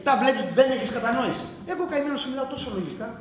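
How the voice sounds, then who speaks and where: A man's voice: extremely high pitch, animated. A man playing a breezy teasing husband. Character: flippant, charming husband who is leaving his wife. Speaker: actor in an amateur stage comedy. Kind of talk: theatrical stage acting. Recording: very echoey stage, mic far off.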